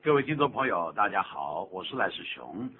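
A man with a deep voice and big pitch swings hosts a radio English lesson, speaking briskly over soft background music. As teacher and host, he explains patiently and jokes while exaggerating pronunciation. The radio recording is tinny and phone-like with a faint hum.

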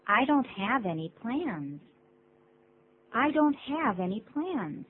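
A woman reading English model sentences slowly and clearly on a radio lesson, saying each one twice. Her pitch moves expressively, and the sound is thin and phone-like with a faint hum. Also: sing-song. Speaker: English co-teacher.

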